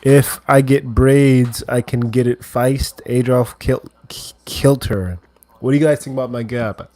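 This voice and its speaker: A man's voice: medium pitch, fairly even intonation, unhurried, dark tone, no echo. A man from the American Midwest hosting a casual livestream from a kitchen, reading viewer comments aloud and answering them in a laid-back way. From Wheaton, Illinois, USA. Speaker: livestream host. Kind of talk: casual livestream chat while cooking. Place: kitchen, indoors.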